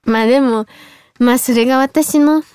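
A young woman hosting a radio show in a studio, talking fast and excitedly in a casual chat. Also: high-pitched, clear, resonant tone, no echo. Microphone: studio microphone.

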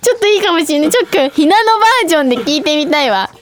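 A woman's voice: sits high, sing-song, racing. A young woman hosting a radio show, reading listener mail and chatting casually, bubbly and often breaking into giggles.

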